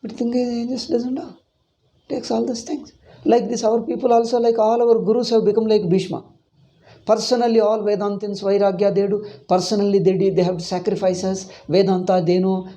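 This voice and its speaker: A man's voice: high voice, little pitch movement, fairly quick, mellow. A man in his sixties with a South Indian accent, teaching in an informal discourse, emphatically repeating his phrases. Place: small indoor room. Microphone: clip-on lapel mic.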